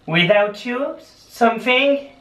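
A man in a bathtub playing a guessing game with a friend, teasing, loud and laughing often. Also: very high voice, lively intonation, slow, recorded from a distance, a little hiss or hum. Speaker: vlogger playing a whisper game. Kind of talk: playful casual chat. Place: bathroom, in a bath. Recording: echoey bathroom, off mic.

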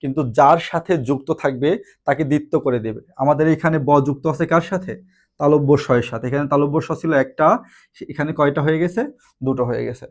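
A man teaching a grammar lesson slowly and deliberately, repeating examples and asking rhetorical questions. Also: on the high side, a little mellow.

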